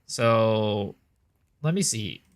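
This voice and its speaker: A young American man livestreams gameplay with casual commentary, chatting loosely and thanking viewers in big excited bursts. His voice is lowish and extremely slow.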